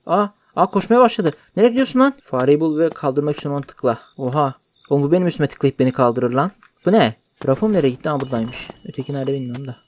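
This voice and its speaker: A man's voice: on the high side, expressive, quick pace. A man giving joking, mock-outraged let's play commentary while translating game dialogue aloud. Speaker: gaming YouTuber.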